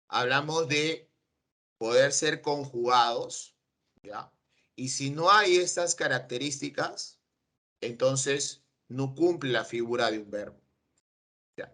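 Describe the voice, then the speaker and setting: A man's voice: mid-range voice, sharp tone. A man teaching an online class over a video call, patiently checking that his students understand.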